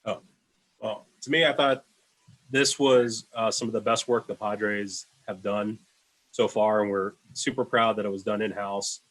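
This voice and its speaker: A man's voice: lowish voice, steady tone, a little slow, a bit bright, rough recording. A man, an in-house video producer, answering panel questions in a casual, rambling way with many fillers on a video call.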